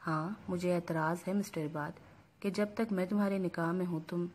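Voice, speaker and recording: A woman with a husky, low voice reading the lines of a proud, sharp-tongued young wife in a storybook reading, with bitter, cutting retorts. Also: steady tone, natural voice. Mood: bitter, defiant.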